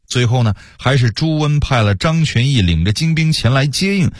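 A man telling a historical tale on radio with lively, humorous storytelling. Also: mid-range voice, moderate pace, dry recording, clean studio sound.

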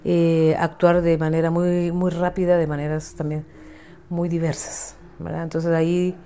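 A middle-aged woman from Honduras with a low voice talks in an unhurried, reflective way, often restarting her sentences and checking in with tag questions. She sounds like a guest in a thoughtful conversational interview. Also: level tone, warm tone, slight background noise. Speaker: interview guest, feminist activist and writer.

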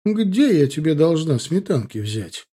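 A man voicing a stern, sharp-tongued grandmother in an audiobook, snappish and scolding. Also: high voice, normal speed, pitched above the performer's own voice, natural voice. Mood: indignant. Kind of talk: audiobook character voice.

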